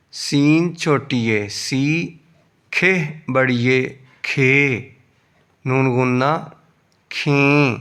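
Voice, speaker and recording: Male teacher, slow syllable-by-syllable phonics reading for young pupils. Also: medium pitch, fairly bright tone. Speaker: Urdu teacher. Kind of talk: slow phonics reading lesson, spelling out letters.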